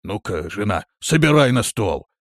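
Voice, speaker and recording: A man reading an audiobook, voicing a hoarse, shaggy, bearded village peasant. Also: lowish voice, big pitch swings, moderate pace, no room sound, studio quality. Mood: relieved. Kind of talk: audiobook character voice.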